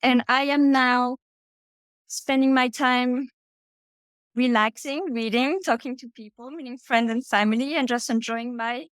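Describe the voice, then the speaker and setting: A French woman in her thirties appears as a podcast guest, telling her story casually and openly with plenty of fillers and asides. Her voice is fairly high, bright, clear and resonant, with a fairly even intonation and a slightly slow pace. The recording is studio quality with no room sound.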